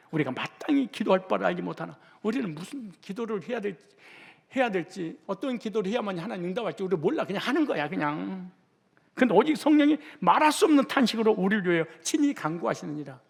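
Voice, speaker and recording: A male pastor preaching in a church sanctuary, his high voice swinging up and down with lively emphasis. The tone is gravelly and husky, and he keeps throwing rhetorical questions at the congregation in blunt, casual phrasing. A long hall reverb trails every line. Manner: drops into blunt casual speech. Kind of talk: sermon.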